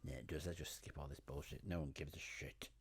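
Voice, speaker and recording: A man's voice: a bass voice, fairly even intonation, fairly quick, slightly rough. A man chats over a video game. His commentary is casual and jokey, like banter with a friend. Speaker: gamer commentating on a playthrough.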